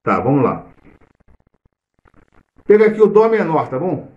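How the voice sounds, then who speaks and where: A man's voice: fairly high pitch, big pitch swings, unhurried, dull audio, faint music behind. A middle-aged man with a Brazilian Portuguese accent, teaching cavaquinho in a casual live lesson, explaining theory while he plays. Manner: chatty, explains theory while playing, hums and sings snippets. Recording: echoey room with loud cavaquinho playing.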